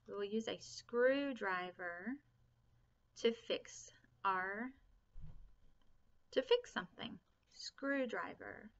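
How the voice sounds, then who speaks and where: A woman teaching a phonics lesson to young children, speaking slowly and deliberately, stretching out sounds and repeating each word. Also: mid-range voice, vocal fry, a bit bright. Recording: slightly dull lo-fi recording.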